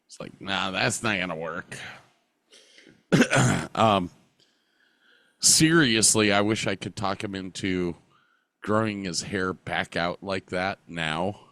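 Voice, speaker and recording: A man with a blocked-up nose, chatting casually and haltingly as a podcast co-host. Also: low-pitched, fairly bright tone, clean tone, no echo. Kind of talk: casual chat.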